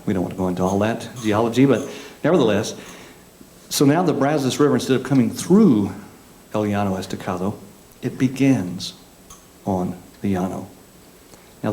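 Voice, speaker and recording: A man's voice: on the low side, dark tone, a little hiss or hum. A man from West Texas with a West Texas twang, telling casual stories between songs in a folksy, dryly humorous way. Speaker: singer-songwriter. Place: live performance space. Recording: roomy live concert recording with music.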